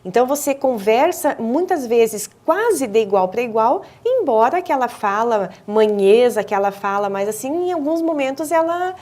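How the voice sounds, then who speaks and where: A woman with a Brazilian Portuguese accent, a speech therapist answering interview questions in a didactic way, often pausing on hesitant fillers and restarting phrases. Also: on the high side, expressive, a little mellow. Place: television studio.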